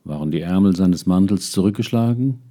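A man doing a calm, unmoved storybook king. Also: low-pitched, brisk. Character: calm unmoved old king, a secret magician.

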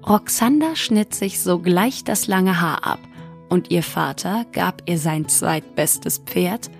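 Slow gravelly woman reading a fairy tale. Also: medium pitch. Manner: calm measured reading. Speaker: storyteller. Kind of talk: scripted storybook narration. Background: faint music.

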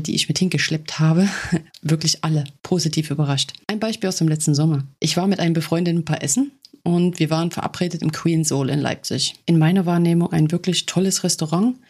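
A woman hosting her own podcast in a chatty, encouraging monologue aimed right at the listener. Her voice is gravelly and husky, with a breathy edge at a middle pitch. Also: darkish tone. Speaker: podcast host. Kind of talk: scripted podcast monologue on healthy eating.

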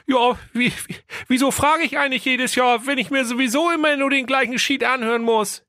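A beaming, good-natured young nephew in a comic audio story, stammering with eager joy. The voice sits very high, gravelly and bright. It is recorded close and dry. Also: male voice, steady tone, a little fast, no echo, heavily acted. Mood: cheerful eager. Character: cheerful poor young nephew, warm-hearted.

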